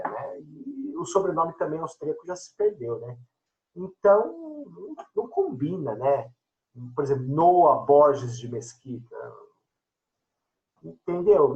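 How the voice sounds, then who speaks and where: A man teaching an online class, chatting and joking with his students. His voice sits a little high and swings widely in pitch. The audio is dull and lo-fi. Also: darkish tone. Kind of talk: casual online class chat.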